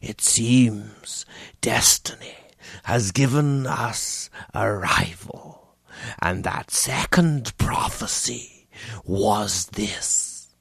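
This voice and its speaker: A man doing an old sorcerer-priest in an audiobook, talking in a low, breathless hush. The voice is gravelly and husky and crawls along very slowly. It sounds dry and close, with no room around it. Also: no echo, heavily acted. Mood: chanting prophecy. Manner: low, breathless, whispery chanting. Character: old male sorcerer, fanatical high priest. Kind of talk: audiobook character reading.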